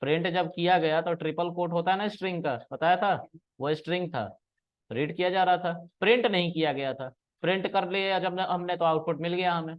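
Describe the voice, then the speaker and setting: A man's voice: high-pitched, fairly even intonation, brisk. A man teaching programming in a casual classroom way, explaining step by step and checking that students follow. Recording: dull lo-fi recording.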